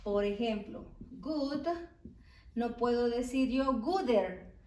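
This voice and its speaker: A woman teaching an English grammar lesson, explaining slowly and deliberately, stopping to spell out words as she writes. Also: fairly high pitch, animated, recorded from a distance. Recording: echoey room, voice from off-mic.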